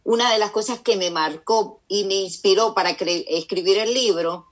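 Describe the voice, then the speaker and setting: On a faith radio show, a woman who is a guest and author tells a personal story earnestly and with emphasis, acting out the voices of the people she quotes. She speaks at a medium pitch and moderate pace.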